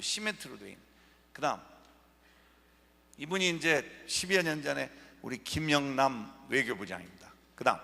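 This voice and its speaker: A man giving an animated lecture over slides, joking with the audience. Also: on the high side, creaky. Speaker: guest lecturer. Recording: echoey lecture hall.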